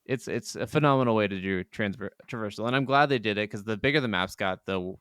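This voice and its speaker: This podcast co-host gushes enthusiastically about video games, laughing easily during the casual conversation. His fairly low voice is quick, a bit bright, and smooth, captured at studio quality with no room sound.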